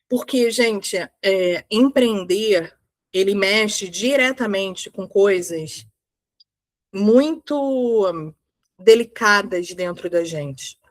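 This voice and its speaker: A woman's voice: medium pitch, no room sound. A woman with a Brazilian Portuguese accent giving an earnest, emphatic motivational talk as a mindset coach, in short repeated phrases. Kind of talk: motivational talk to women entrepreneurs.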